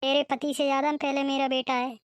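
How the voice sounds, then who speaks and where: A woman's voice: sits high, level tone, fairly quick, dry recording, dull audio, close to an everyday voice. Woman voicing a nagging cartoon mother-in-law. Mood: indignant. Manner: nagging, scolding. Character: scolding strict Indian mother-in-law, middle-aged. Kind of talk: cartoon voice acting.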